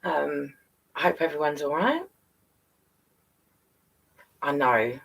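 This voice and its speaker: A British woman chats casually with viewers on a live stream, slowly, in a lowish, creaky, slightly bright voice with lots of rise and fall. Like a storyteller, she's affectionate and encouraging, calling listeners darling and guys. She sits a little back from the mic, and the audio quality is poor.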